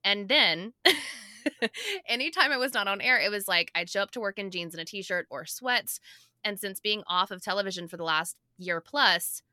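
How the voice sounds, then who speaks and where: A woman's voice: mid-range voice, animated, moderate pace, pushed and bright, no echo, studio quality. A woman hosting a podcast, talking in a candid, chatty way as she interviews a guest. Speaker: podcast host. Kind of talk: casual interview chat.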